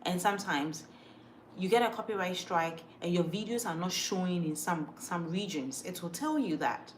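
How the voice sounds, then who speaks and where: A woman from Ghana, whose accent mixes influences from moving around, hosts a casual livestream and reads viewer comments in a lowish, lively voice at moderate speed. She's emphatic and repeats words as she thinks aloud. The low-quality recording has a little hiss or hum.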